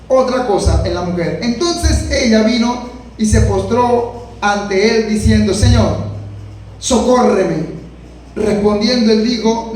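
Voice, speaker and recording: High-voiced preaching man, echoey and distant. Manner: preaching with dramatic quoted voices and sudden shouts. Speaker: pastor. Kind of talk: sermon. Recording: echoey room, distant mic, faint noise.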